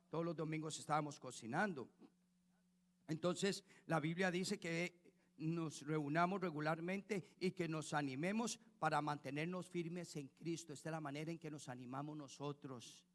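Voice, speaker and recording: Man preaching in a reverberant church. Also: on the high side. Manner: preaching with repetition and rhetorical questions to the congregation. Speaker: pastor. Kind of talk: sermon. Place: church hall.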